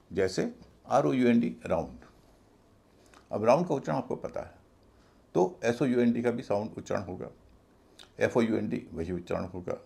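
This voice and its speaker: A man's voice: medium pitch, vocal fry, dark tone. A man teaching English pronunciation in a video lesson, spelling out each word letter by letter before stressing the right sound.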